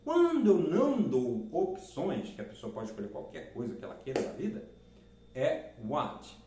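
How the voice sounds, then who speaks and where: An animated man gives an English lesson, his pitch leaping up and down as he repeats each key word. He slows right down to read example sentences aloud. The sound carries a clear room echo. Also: background noise. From Brazil. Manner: lively, repeats key words, reads examples slowly. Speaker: English teacher. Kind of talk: explaining English lessons in Portuguese. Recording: roomy echo.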